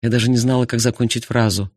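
A man's voice: medium pitch, fast talker, breathy edge, no echo, studio quality. A man reading first-person narration in an audiobook, expressively. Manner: expressive, animated. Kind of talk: scripted narration.

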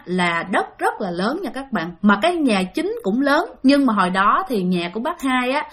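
A woman's voice: on the high side, a bit bright. A woman narrating a ghost story casually, often turning to address her listeners.

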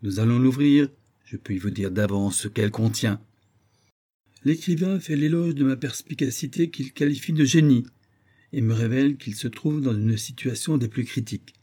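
Man voicing an eccentric sleuth, theatrical, exclaiming, husky timbre, dark tone, audiobook. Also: mid-range voice, normal speed, lightly acted. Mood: insistent. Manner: theatrical, exclaiming like a street hawker. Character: excitable eccentric middle-aged male sleuth.

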